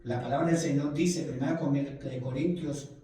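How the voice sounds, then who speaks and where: A man's voice: a little high, steady tone, measured pace, warm tone, a little hiss or hum. A man preaching a Bible study, telling his testimony with emotion and repeating phrases for emphasis. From Colombia. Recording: very echoey room, mic far off.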